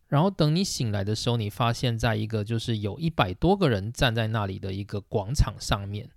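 A man's voice: on the low side, vocal fry, no echo, clean studio sound. A man hosting a podcast, explaining ideas in a casual monologue and thinking aloud with fillers, with a Taiwanese Mandarin accent. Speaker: podcast host.

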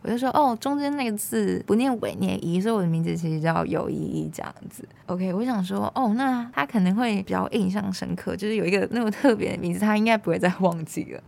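A woman in her twenties with a Taiwanese Mandarin accent, hosting a podcast and telling a personal story in an animated, exasperated way. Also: medium pitch, quick pace, gravelly, hardly any pauses. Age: 20s. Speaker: podcast host. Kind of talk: casual storytelling monologue.

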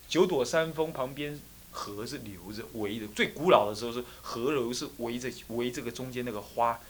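Taiwanese monk-lecturer, Taiwanese Mandarin accent, bright, very animated storytelling delivery. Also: male voice, mid-range voice, slight background noise. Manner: animated, laughing, acts out characters and sound effects. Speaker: Buddhist monk, temple abbot.

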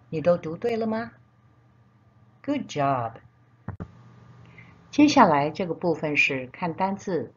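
Slow, husky woman with kindergarten teacher delivery. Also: sits low. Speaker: English teacher for young children. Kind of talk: scripted children's vocabulary lesson. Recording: dull, lo-fi sound.

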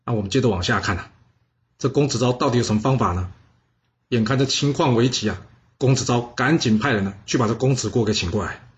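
A man's voice: medium pitch, fast, lo-fi sound. A man hosting a storytelling channel, telling a history tale in a chatty way with asides to listeners. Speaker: storyteller host.

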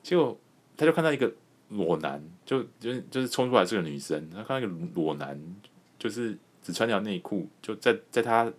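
Deep-voiced man telling a story animatedly. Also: a little fast. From Taiwan. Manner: animated, laughs often while telling. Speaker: podcast host. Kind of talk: comic personal storytelling.

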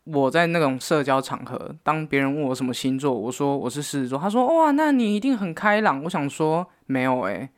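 A woman's voice: a bass voice, fairly quick, hardly any pauses. Casually chatting woman with blunt delivery. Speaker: co-host. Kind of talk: casual chat.

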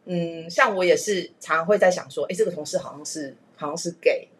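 A woman hosting a podcast, speaking in casual chat and pausing with thoughtful fillers. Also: fairly low pitch, fairly bright tone, slight background noise. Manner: thoughtful, hesitant, with many fillers. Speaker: podcast host.

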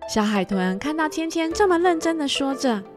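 A woman storyteller giving expressive narration of a children's tale. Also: high-pitched, normal speed, over music.

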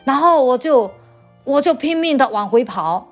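Interview guest, woman from China, slightly high voice; halting, repetitive storyteller sharing her testimony. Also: animated, faint music behind. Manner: hesitant, repeats words, trailing 哈 tags. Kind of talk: personal faith testimony storytelling.

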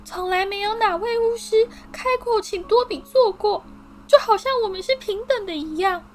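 A woman voicing a small, servile male house-elf with a high, shrill, squeaky voice and an overwrought, deferential manner. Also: normal speed, slight background noise. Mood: tearful.

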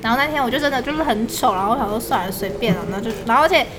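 A woman's voice: fairly high pitch, expressive, very fast, background noise. A young woman with a Taiwanese Mandarin accent, co-hosting a podcast and telling a story in casual chat, laughing often. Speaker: podcast co-host.

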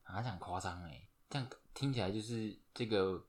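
A man's voice: lowish voice, brisk. A man co-hosting a podcast, mostly chiming in with short reactions and questions. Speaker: podcast co-host. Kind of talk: casual chat.

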